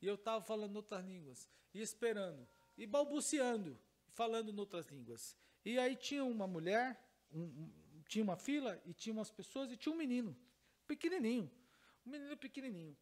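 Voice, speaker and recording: A Brazilian pastor with an unusually high voice for a man preaches at a church teaching service. He tells a personal story, repeats phrases for emphasis and moves between hushed and loud, emphatic passages. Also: very animated, brisk. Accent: Brazilian Portuguese.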